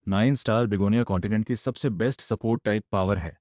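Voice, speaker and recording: A man narrating a comic story recap in a steady, explanatory reading voice. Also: fairly low pitch, fast, no echo, studio quality.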